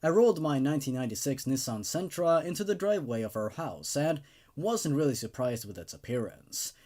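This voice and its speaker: The host and reader of an online horror story show, a man with a dark-toned mid-range voice, talks in a sing-song, fairly quick manner. He goes back and forth between casual commentary and reading stories aloud.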